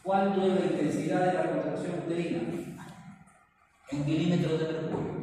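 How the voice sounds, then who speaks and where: A man's voice: on the high side, mellow, distant mic, slight background noise. A man lecturing a class, quizzing students by name and repeating key answers. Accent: Peruvian Spanish. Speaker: pharmacology lecturer. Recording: roomy classroom echo, recorded from afar.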